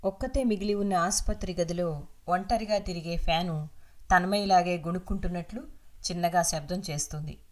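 A woman narrating a serialized audio novel in a steady, measured reading voice. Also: on the low side.

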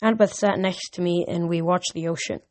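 A man's voice: high-pitched, fairly even intonation, a little fast, no room sound. A young man reading a novel aloud, with casual, slightly rambling asides between chapters. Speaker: reader of a novel.

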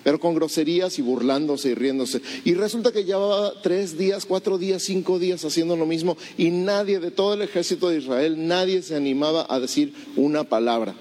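A man, a pastor preaching an animated storytelling sermon in a church, asking the congregation rhetorical questions. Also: a little high, fairly quick, few pauses.

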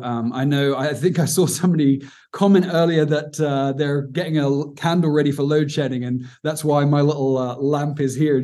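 A Cornishman from southwest England, with an English accent and a slightly high, dark-toned voice, is a guest speaker giving a teaching talk on prayer. He's earnest but informal, with frequent fillers and restarts.

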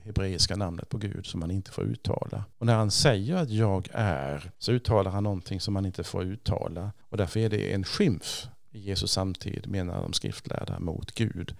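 A man, a priest and Bible teacher, explaining scripture as a podcast guest, thoughtful and slow with pauses and repeats. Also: low voice, creaky, no echo, clean studio sound.

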